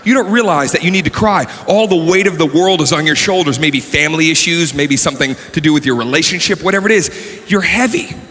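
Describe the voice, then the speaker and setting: A man performing an animated stand-up routine and shouting his punchlines on stage. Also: on the high side, fast, big-room sound. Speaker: stand-up comedian.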